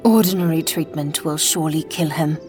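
A man voicing an old female nanny, speaking in a hushed, anxious way. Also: fairly high pitch, fairly quick, soft background music, voice pushed up, close to an everyday voice. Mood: worried.

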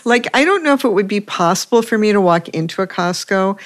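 A woman host keeps the interview moving with curious questions. She sounds friendly and laughs easily. Her voice sits at an ordinary middle pitch. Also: lively intonation, fairly quick. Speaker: radio host.

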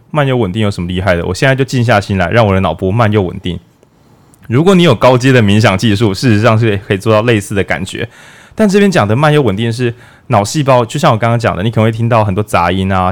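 A man talks through ideas as a podcast host, his voice sitting a little low. He keeps it casual and playful, tossing in jokes and quick acted-out asides. His pitch lifts sharply whenever he poses a question. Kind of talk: casual explanatory podcast talk.

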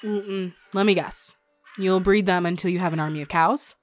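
A woman's voice: fairly low pitch, steady tone, normal speed, soft background music, lightly acted. A woman playing a sardonic but supportive farmer's wife in an audio story, with a dry, skeptical manner. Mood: wry. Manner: dry, sarcastic.

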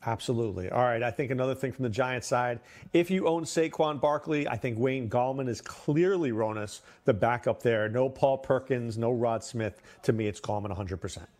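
A man with a mid-range voice hosts a casual fantasy football discussion. He is opinionated and animated, jumping up in pitch on the names and calls he cares about. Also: normal speed. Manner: opinionated, lively, jumps to higher pitch for emphasis. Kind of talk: casual sports chat.

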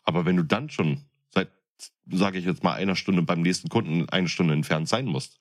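This podcast co-host is a man in his thirties whose casual chat is blunt and colloquial. He speaks at a normal speed in a voice that sits low.

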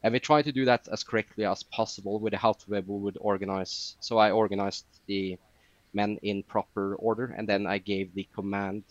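A man's voice: lowish voice, steady tone, moderate pace, no echo, dull audio. A man chatting as a podcast guest, telling long rambling stories with many fillers. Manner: rambling storytelling with frequent fillers. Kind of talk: casual podcast chat.

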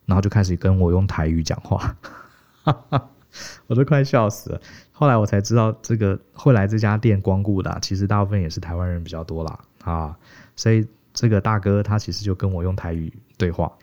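A middle-aged man from Taiwan telling stories casually as a podcast co-host, animated and chuckling. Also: sits low, fast talker. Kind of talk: casual storytelling. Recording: dull, muffled podcast audio.

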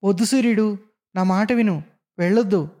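A man's voice: fairly high pitch, level tone, moderate pace, mellow, close to an everyday voice. A man voicing a worried, stern old village healer in a spoken story. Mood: alarmed. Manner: pleading, anxious.

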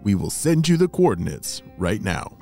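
A formal male headquarters dispatcher with a lower voice, delivering orders in a steady official tone, as a man puts him on. Faint music sits behind him. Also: moderate pace, gravelly.

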